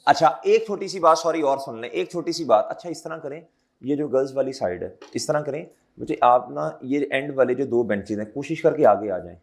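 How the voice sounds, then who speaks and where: A man's voice: medium pitch, expressive, fairly quick, creaky. A man with a sore throat, giving a classroom accounting lecture and repeating his questions back to the students.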